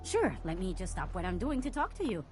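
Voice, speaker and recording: A brusque game townswoman with a lowish voice that swings widely in pitch. She talks in clipped lines of dry sarcasm, with music playing behind her. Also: very animated, brisk. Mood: sarcastic. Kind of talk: video game character dialogue.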